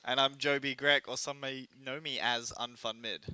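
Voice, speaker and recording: A man's voice: medium pitch, steady tone, moderate pace, sharp tone, smooth, no echo. A man co-hosting a casual esports podcast in a studio, teasing and joking, his voice a little worn as he is losing it. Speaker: podcast co-host.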